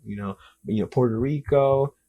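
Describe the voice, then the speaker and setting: Through a lo-fi recording, a young author answers interview questions at a normal speed in a mid-range voice. He's casual and eager, repeats himself frequently, and says "like" and "literally" constantly. His origins are Dominican and in the US Northeast and South.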